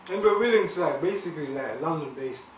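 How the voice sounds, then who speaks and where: Talking fast with a voice on the high side, this young Zimbabwean clothing brand founder chats animatedly in a sit-down interview, often using fillers and restarting. He's seated on a sofa indoors, captured from afar by a camera mic in an echoey room with heavy background noise.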